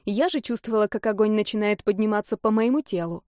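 A woman narrating a first-person fantasy novel in a steady, measured way. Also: mid-range voice, no room sound, studio quality. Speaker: audiobook narrator.

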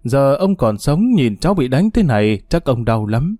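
A man's voice: medium pitch, very animated, normal speed, warm tone, dry recording, clean studio sound, natural voice. A man voicing a frail, sick old grandmother who scolds and grieves between coughs. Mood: grieving.

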